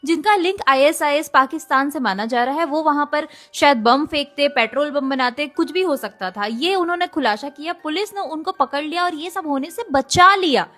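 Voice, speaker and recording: A woman's voice: high voice, normal speed, hardly any pauses, pushed and bright. A woman giving sarcastic political commentary.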